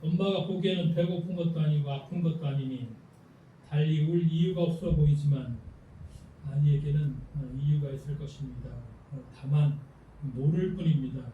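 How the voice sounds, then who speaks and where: A man, a pastor, giving a Sunday sermon in a calm, measured way and softly reading a passage aloud. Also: a little high, narrow, tinny audio, slight background noise. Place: church sanctuary. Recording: echoey hall, mic from a distance, faint ambience.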